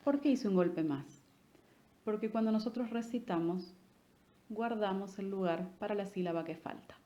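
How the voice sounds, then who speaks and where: A woman teaching a literature lesson. She explains patiently, checks in with "¿sí?" and taps out rhythm while reciting verse slowly. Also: mid-range voice, mellow, muffled recording. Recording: echoey room with faint noise.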